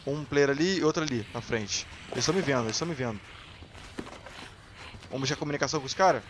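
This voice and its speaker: A Brazilian man hosting a gaming channel, commenting on gameplay in casual, excitable chat and swearing freely at the viewers. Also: mid-range voice, quick pace, a little hiss or hum. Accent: Brazilian Portuguese.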